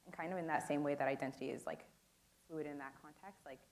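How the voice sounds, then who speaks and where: A young woman speaks fast in a low-pitched, slightly mellow voice as she moderates a conference panel with a handheld microphone. Her style is casual and full of "like" and "um." The setting is a conference room.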